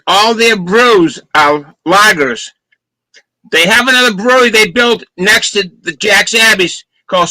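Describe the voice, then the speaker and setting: A Boston man with a high-pitched, sharp voice chats casually on a video call, describing a beer's taste in detail. The rough recording has no echo, and as a beer reviewer and co-host, he gives a detailed, descriptive rundown of the flavor.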